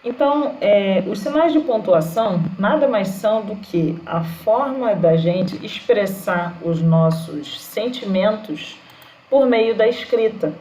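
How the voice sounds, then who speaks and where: A woman teacher, explaining a grammar lesson slowly and patiently with fillers. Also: mid-range voice, animated, dark tone, roomy sound, slight background noise, rough recording.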